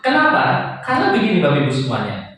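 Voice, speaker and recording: A lively man speaks to a room of parents, quizzing them and joking between points. His fairly high voice comes from a distance, and the hall gives it a strong echo. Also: fast. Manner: lively, playful, asks the audience questions. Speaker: motivational speaker. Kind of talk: seminar talk to parents. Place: school hall with an audience. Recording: echoey hall, voice from far off.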